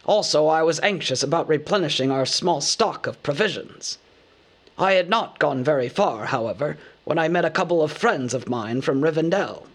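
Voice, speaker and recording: A man voicing an old male wizard who talks briskly and scolds with impatience. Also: on the high side, animated. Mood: stern. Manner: brisk, scolding, matter-of-fact. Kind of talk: audiobook character voice.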